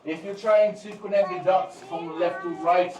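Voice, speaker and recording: A man's voice: high voice, steady tone, normal speed. A man leads a cave tour in a slightly raised voice, joking with his group as he goes. The cave echo hangs on every line, and he sounds a little distant from a camera mic, with faint background noise. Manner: joking, chatty. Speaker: tour guide. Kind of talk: guided cave tour talk. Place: inside a limestone cave.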